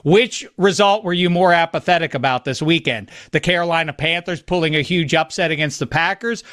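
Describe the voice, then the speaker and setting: A man's voice: on the high side, brisk, a bit bright. A man hosting a casual sports podcast, talking in a wry, playful way with rambling asides. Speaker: podcast host.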